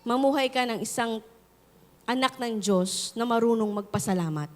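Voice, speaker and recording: High-voiced Filipino woman pastor preaching. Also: normal speed. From Philippines. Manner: mixes Tagalog and English, animated storytelling with call-and-response. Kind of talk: sermon. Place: church hall. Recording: hall reverb in a church.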